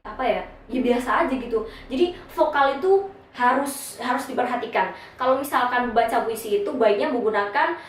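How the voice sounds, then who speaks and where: A woman's voice: fairly high pitch, a little fast, a little hiss or hum. A young woman explaining how to read poetry in a casual, chatty classroom style, with frequent informal filler tags. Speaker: poetry reading instructor. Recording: very echoey room, voice from a distance.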